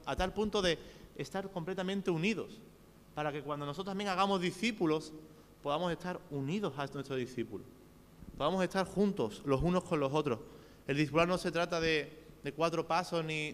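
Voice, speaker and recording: In a church hall, a man with a Spain Spanish accent preaches a sermon earnestly, addressing his listeners directly with rhetorical questions. His voice is fairly high and fairly bright. The hall is reverberant, with a faint hum.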